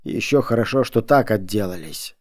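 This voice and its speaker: A man's voice: fairly low pitch, lively intonation, moderate pace, a little mellow, no echo, clean studio sound, natural voice. A man voicing a middle-aged merchant who grovels with apologies to offended ladies in an audiobook story. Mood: placating. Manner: fawning, fussy, hissing at family.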